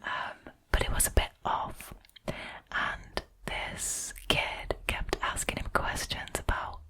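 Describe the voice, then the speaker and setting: A woman hosts a scary story channel, retelling paranormal encounters in a soft, steady whisper held close to the microphone. Her voice stays an unvoiced whisper the whole way through, and she never hurries.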